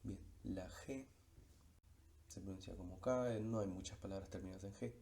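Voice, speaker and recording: A man teaching a lesson, walking patiently through the example words on a slide, with pauses and frequent fillers. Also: low-pitched, dark tone. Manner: slow, patient explanation, stretching out the example words. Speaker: French teacher. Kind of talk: explaining a slide in a recorded lesson.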